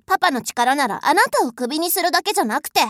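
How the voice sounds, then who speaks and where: A woman's voice: high voice, lively intonation, very fast, a bit bright, dry recording, studio quality. A woman playing a bratty, haughty rich girl. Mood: bossy, impatient. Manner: imperious, scornful, mocking. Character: haughty spoiled rich young lady, bossy and cruel. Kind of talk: adult audio drama role-play.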